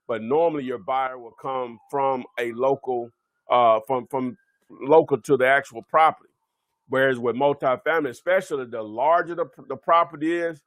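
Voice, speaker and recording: A man presents a real estate webinar in a medium-pitched, slightly bright voice, recorded dry. His instructional talk is unscripted and off the cuff, full of fillers and self-corrections.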